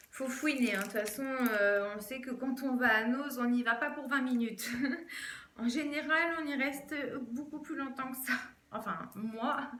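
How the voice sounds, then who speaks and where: Woman, fairly high voice, casual haul chat, lots of fillers, echoey room. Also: a bit bright, a little hiss or hum. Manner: chatty, hesitant with many fillers. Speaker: fashion vlogger.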